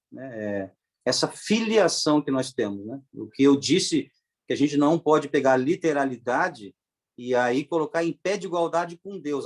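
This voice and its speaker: A man leading a Sunday Bible class who explains the text in a measured way and asks rhetorical questions. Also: a little high. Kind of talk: Sunday school teaching.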